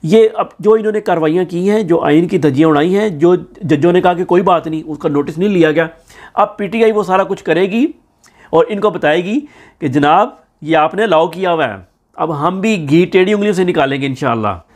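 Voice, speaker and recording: A man's voice: sits high, fairly quick. A man with a Pakistani Urdu accent giving sarcastic political news commentary, hosting his own channel. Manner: sarcastic, mocking.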